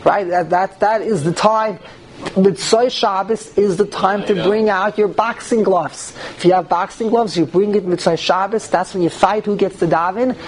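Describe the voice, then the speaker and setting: A man's voice: high voice, steady tone, moderate pace. A man gives an informal religious lecture to a group, repeating phrases and asking rhetorical questions. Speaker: rabbi giving a religious class. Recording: noisy live room recording.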